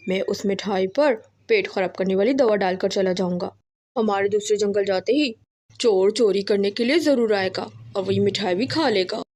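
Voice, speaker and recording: A woman's voice: medium pitch, darkish tone, lightly acted. Cartoon pigeon, male, clever planner, earnest , voiced by a woman narrator. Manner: earnest, explaining.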